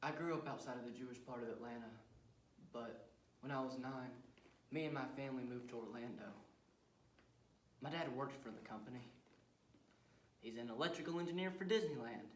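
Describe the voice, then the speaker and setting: A young man performing a manic, taunting male serial killer on death row as a dramatic interpretation piece, with shouts and cackles. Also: medium pitch, a little fast, pauses often, distant mic, slight background noise, lightly acted. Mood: wry. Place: competition room. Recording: roomy hall recorded from afar.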